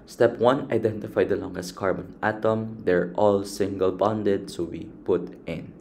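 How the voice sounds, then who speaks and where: A man teaches in an unhurried, careful way, walking through each step and counting items one by one. His voice sits on the low side. A faint hiss runs under the recording. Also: steady tone, vocal fry, a little mellow. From Philippines. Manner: slow, patient, counts items aloud. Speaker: chemistry teacher. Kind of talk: step-by-step classroom explanation.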